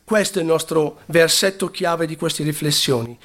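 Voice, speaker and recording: A man preaching a sermon, unhurried, who stops to correct his own slips. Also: a little high, a bit bright.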